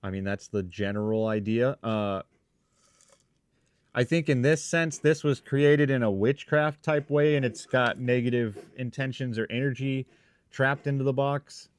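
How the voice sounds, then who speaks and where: A man with a mid-pitched voice chats casually as he hosts a livestream. He rambles informally, thinking out loud and breaking his sentences into short pieces. The sound is dry, with very little room in it. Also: a little slow, smooth, no room sound. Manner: informal, rambling, thinking aloud in broken phrases. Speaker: livestream host, paranormal investigator. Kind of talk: casual live-stream chat with viewers. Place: shop.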